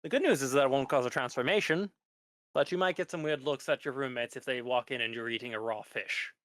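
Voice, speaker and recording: A masked lich professor for a tabletop roleplay acted out by a man. He explains things calmly and formally, in measured phrases at a middling pitch. The sound is close and dry. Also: no room sound, natural voice. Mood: matter-of-fact. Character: lich professor in a metal mask, calm, instructive.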